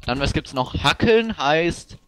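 A man's voice: fairly high pitch, animated, a little slow, fairly bright tone, clean tone. A man hosting a let's play, joking around as he reads out dialect words to his friends. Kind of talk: casual gaming commentary.

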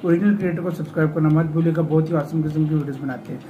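A man from Pakistan co-hosts a reaction video in a relaxed, chatty way. His voice sits high and he bursts into quick exclamations. A faint hiss runs under the recording. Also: muffled recording. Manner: excitable, exclaims often. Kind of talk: casual reaction chat.

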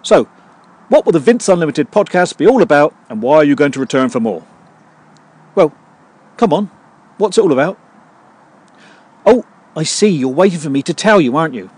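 A man hosting his own podcast, delivering a scripted comedy monologue in a dry, deadpan way full of puns. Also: on the high side, brisk, breathy edge. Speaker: podcast host.

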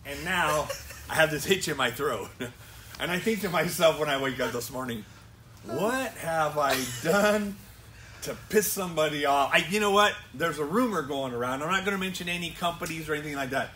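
Male co-host, self-mocking joker, bright and forward tone. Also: a little high, lively intonation, fairly quick, a little hiss or hum. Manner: joking, self-mocking storyteller. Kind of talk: casual live-stream chat.

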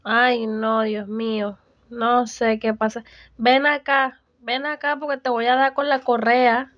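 Dramatic, chatty Venezuelan young mother, woman actor, high, slow, lo-fi and dry. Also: flat delivery, dry recording. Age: young adult. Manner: drawn-out, theatrical, sighing "ay" complaints. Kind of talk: comedic student film acting. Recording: dull, dry, lo-fi.

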